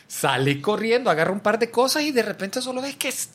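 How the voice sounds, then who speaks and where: A man with a husky voice recounts a film's plot step by step in a relaxed chat. His pitch moves a lot as he tells it. He keeps adding fillers and restarts. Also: a little fast. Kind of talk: casual movie review chat.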